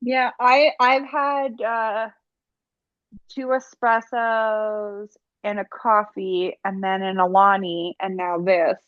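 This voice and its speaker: A young woman co-hosting a podcast in a loose, rambling chat, tripping over a word here and there. Her voice sits at a middle pitch and comes through slightly dull and lo-fi, with a dry, close sound. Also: steady tone, takes it slowly, no room sound. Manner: chatty, rambling, stumbles over words. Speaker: podcast co-host. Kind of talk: casual chat.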